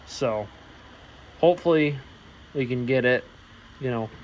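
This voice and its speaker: A relaxed man talks through where his car build stands, listing parts and jobs in a loose, meandering way. His voice sits at an ordinary middle pitch, and a faint hum of background noise sits under it. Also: measured pace, highs cut off. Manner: rambling, lots of fillers, easygoing. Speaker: vlogger working on his car. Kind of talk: casual project update.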